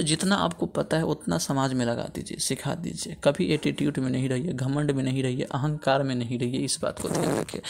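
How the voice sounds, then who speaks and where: A man's voice: fairly high pitch, gravelly. A man teaching a school textbook lesson, talking to his pupils as children, giving earnest moral advice and often saying "okay". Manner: addresses pupils as children, repeats "okay" as a filler. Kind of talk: Hindi textbook lesson explanation.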